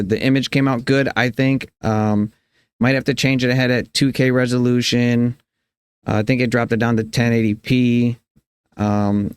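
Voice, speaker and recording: A man's voice: mid-range voice, clean tone, dry recording, studio quality. A man giving a casual, rambling introduction to his vlog viewers. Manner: informal, rambling. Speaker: vlogger.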